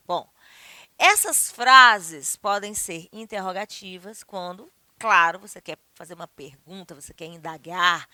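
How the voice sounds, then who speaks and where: A woman's voice: medium pitch, pushed and bright, dry recording. A woman teacher giving a recorded grammar lesson, explaining step by step, checking in with her listeners and acting out example sentences with changing intonation. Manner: explanatory, peppers speech with "né?" and "tá bom?".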